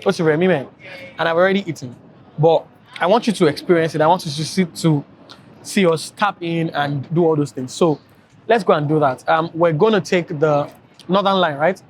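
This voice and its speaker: A man's voice: on the high side, normal speed, a little hiss or hum. A tired man with a Nigerian accent, chatting casually to camera as a travel vlogger, rambling with many fillers.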